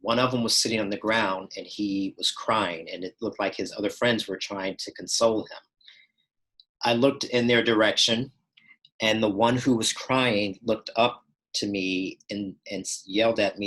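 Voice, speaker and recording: A man from Texas tells his own story in a steady, thoughtful voice that sits a little low. He pauses and restarts as he goes, choosing his words with care. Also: poor audio. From Texas, United States. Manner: measured and reflective, with pauses and small restarts. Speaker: storyteller recounting personal experiences. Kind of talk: first-person account.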